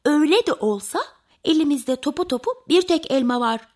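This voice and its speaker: A woman voicing a hungry, pushy little rabbit in a high, whiny voice. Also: expressive, brisk, a little mellow. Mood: eager.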